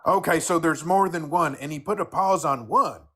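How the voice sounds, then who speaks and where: A man's voice: a little high, moderate pace, fairly bright tone, husky. Combative man in his twenties. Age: 20s. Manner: combative, mocking, dismissive. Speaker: caller debating the host.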